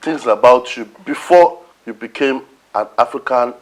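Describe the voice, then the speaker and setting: A man with a Nigerian accent hosts a sarcastic roast interview. He asks provoking questions in a deadpan manner, and his voice sits at a middle pitch. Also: moderate pace. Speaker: interview host.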